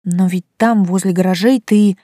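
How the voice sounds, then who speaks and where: Jumpy young heroine, anxious and pleading, pitched up from the reader's own voice, voiced by a woman. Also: steady tone, normal speed, mellow, no echo, clean studio sound, close to an everyday voice. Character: nervous, stubborn young heroine.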